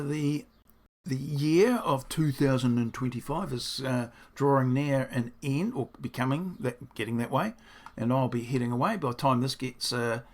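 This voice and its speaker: In a laid-back video diary, a man who builds things rambles through his design in a hoarse, croaky voice at medium pitch. He thinks out loud and pokes fun at himself.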